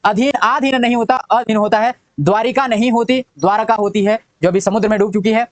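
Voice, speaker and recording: A man's voice: high voice, fairly even intonation, fast talker, no room sound. A young adult man teaching an exam-prep spelling lesson, repeating each word and quizzing what it turns into. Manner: drilling, repeats each word and asks "what does it become".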